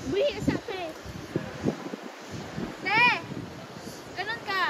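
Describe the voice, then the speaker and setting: Woman friend, teasing encouragement, high voice, loud outdoor noise behind. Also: fairly even intonation, drawn-out words. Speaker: friend on the trip. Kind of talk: casual teasing chat. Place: outdoor adventure park.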